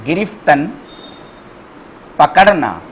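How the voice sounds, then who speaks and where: Slow, lively man teaching grammar. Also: fairly high pitch, rough recording. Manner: slow, repeats each word, spells out letters and vowel marks. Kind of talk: classroom grammar lesson.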